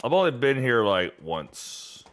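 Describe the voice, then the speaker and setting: A man's voice: mid-range voice, sing-song, a little slow, a bit bright. A man streaming a game live, talking to himself and to chat, easily annoyed and swearing often. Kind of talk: live gameplay commentary.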